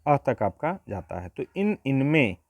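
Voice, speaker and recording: A man's voice: medium pitch, big pitch swings, a little slow, darkish tone, no echo. A man teaching an exam-prep grammar lesson, explaining step by step and often asking rhetorical questions.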